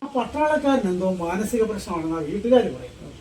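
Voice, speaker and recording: A man playing a go-between who lays out a legal problem plainly, in a short drama film. His high voice moves lively in pitch and sounds distant and echoey in the room. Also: brisk. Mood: earnest. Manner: matter-of-fact, explanatory. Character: middleman settling a case quietly. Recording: roomy, distant from the mic.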